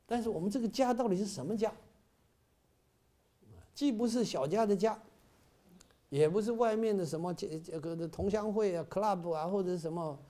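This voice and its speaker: A man's voice: high-pitched, normal speed, pauses often. Man giving a dharma talk. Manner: warm exhortation with frequent "啊" fillers, rising to emphatic peaks. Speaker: volunteer leader giving a talk. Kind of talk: informal Buddhist dharma talk. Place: bookstore meeting hall.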